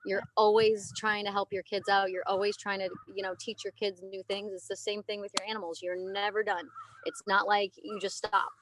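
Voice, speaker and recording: This American elephant trainer and aerialist, a woman in her thirties, speaks at a normal pace in a medium-pitched voice as a podcast guest. Her casual storytelling is lively and emphatic, and background noise is audible.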